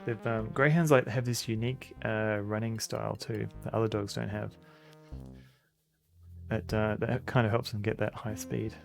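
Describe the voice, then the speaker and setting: A man's voice: on the low side, fairly even intonation, normal speed, creaky, soft background music. A man chatting casually on a live stream as he plays a retro adventure game, rambling in an easygoing way.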